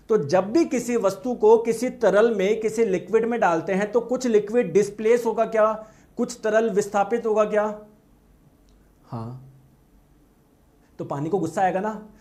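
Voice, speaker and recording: A male teacher giving a classroom lecture, often asking the class questions and acting out the students' replies. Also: sits high.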